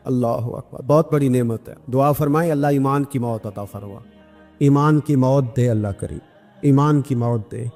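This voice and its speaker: A man preaching an impassioned sermon, telling stories and acting out the quoted voices with sudden leaps upward in pitch. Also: mellow, in a large hall, faint music behind. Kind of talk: Urdu sermon with storytelling.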